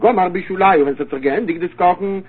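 A husky man with a slightly raised voice gives a Talmud study lecture. He explains at a very quick clip, circling back over the same points in short bursts. The sound is thin and tinny, like a phone line. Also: sits high. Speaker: Talmud teacher.

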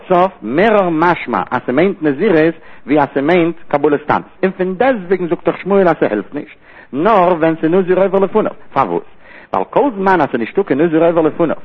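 Husky man teaching over a tinny line. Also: fairly high pitch. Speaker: Talmud teacher. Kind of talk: Talmud study lecture.

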